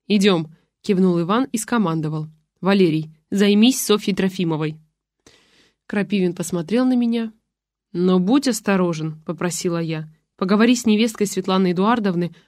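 A woman's voice: mid-range voice, darkish tone, dry recording, clean studio sound. A woman reading a first-person detective story aloud, voicing the dialogue of every character. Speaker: audiobook narrator.

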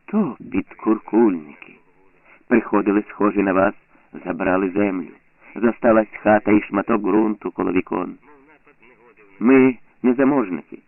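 A man doing a poor village farmer, weary and stubborn, who speaks in a plain, insistent way. The voice is low with a gravelly grain, and the recording is tinny and narrow like a phone. It plays as an audiobook scene. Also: normal speed.

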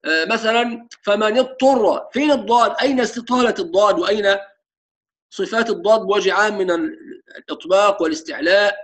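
A man with an Egyptian accent teaching Quran recitation. He mixes formal Arabic with colloquial asides and slows down to stretch out each letter he demonstrates. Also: high voice, a bit bright. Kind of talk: tajweed lesson with spoken demonstrations.

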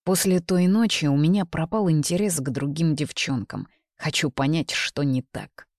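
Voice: medium pitch, normal speed, a little mellow, no room sound, studio quality, close to an everyday voice. A reader voicing a brash, possessive young man in a romance audiobook, speaking bluntly and coarsely. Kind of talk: audiobook character reading.

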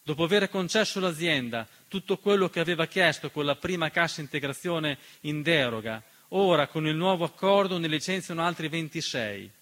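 Here a writer-performer acting as stage narrator works through an accusatory, declamatory scripted monologue full of rhetorical questions. He talks briskly with few pauses, his fairly high, slightly bright voice staying expressive.

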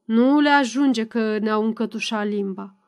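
A woman's voice: clear, resonant tone, close to an everyday voice. Woman murmuring as a grim old village priest. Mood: bitter. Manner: low, restrained murmur.

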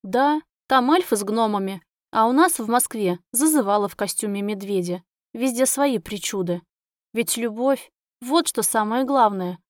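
A woman narrating a romantic fantasy audiobook in the first person, expressive and emotional. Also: on the high side, moderate pace, no room sound, studio quality.

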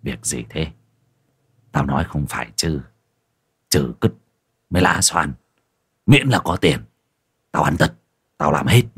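A man's voice: rumbling low, lively intonation, a little slow, long pauses, a bit bright, breathy edge, no room sound, studio quality, exaggerated voice. A man voicing a blunt, crude, middle-aged village tavern keeper in an audiobook. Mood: boastful. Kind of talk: audiobook character voice.

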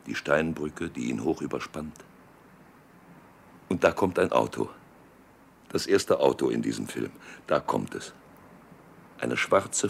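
A man narrating a literary script in a deliberate, evocative manner with dramatic pauses. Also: very deep voice, vocal fry, slight background noise.

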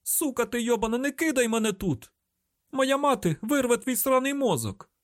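A man's voice: very high-pitched, animated, normal speed, no room sound, clean studio sound, pitched above the performer's own voice. A man voicing a panicked, foul-mouthed young woman trapped in a pit, with a Ukrainian accent, screaming and cursing. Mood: hysterical.

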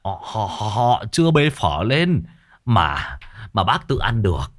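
A man's voice: low voice, expressive, moderate pace, a bit bright, husky, heavily acted. A man voicing a frightened old man, stammering and pleading. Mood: flustered.

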